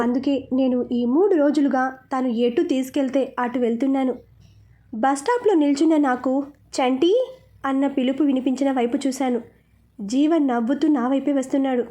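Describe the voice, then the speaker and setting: A woman's voice: high voice, dark tone. A woman narrating a romantic story in the first person, reading it with emotion.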